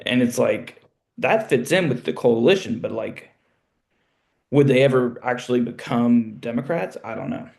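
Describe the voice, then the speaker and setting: A man's voice: mid-range voice, moderate pace, vocal fry, darkish tone. A young man hosting a casual political podcast, thinking aloud and putting questions to his co-hosts. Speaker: podcast host.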